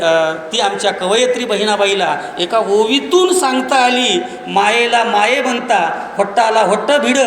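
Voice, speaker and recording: A man giving a public lecture, explaining through lists of examples and rising to near-shouts on key points. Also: extremely high pitch, a little hiss or hum. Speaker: speaker on Marathi language and literature. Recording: echoey hall, slightly far off.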